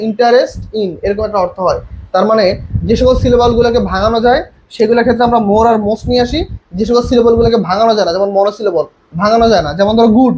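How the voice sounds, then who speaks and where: A young man with a high voice teaches an online English class for admission tests. He reads the example sentences slowly and deliberately and keeps coaxing his students to answer. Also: slight background noise, poor audio. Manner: coaxing, calls students "ভাইয়া" and prompts them to answer. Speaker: English admission-test tutor.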